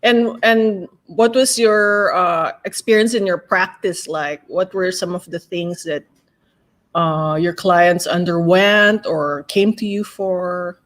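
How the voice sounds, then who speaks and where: A woman's voice: lowish voice, steady tone, slow pace. Upbeat woman hosting an interview. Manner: upbeat, frequent affirming "right". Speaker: talk show host. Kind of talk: scripted intro then interview.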